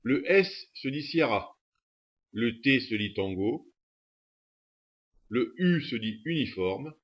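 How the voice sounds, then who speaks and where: A man reading a scripted instructional narration in a steady, methodical way. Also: medium pitch, slow pace, lo-fi sound.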